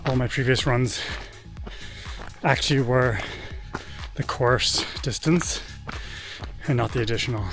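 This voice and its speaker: A man's voice: mid-range voice, unhurried, long pauses, fairly bright tone. A man chatting casually and informally as he vlogs a run, thinking aloud in an upbeat way. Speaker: vlogger, trail ultra runner. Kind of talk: casual vlog chat. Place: mostly outdoors. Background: music.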